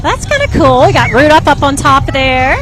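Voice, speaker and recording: A parade broadcast host speaks outdoors on the street with a high-pitched voice full of big pitch swings at a moderate pace. Her live commentary is chatty, casual and enthusiastic, while crowd noise, vehicles and loud music fill the rough recording.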